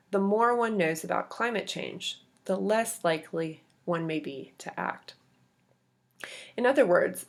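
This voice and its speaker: Woman reading a paper, vocal fry. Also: mid-range voice. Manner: measured, reads quotes aloud, brief asides. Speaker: academic presenter. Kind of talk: reading a prepared conference paper.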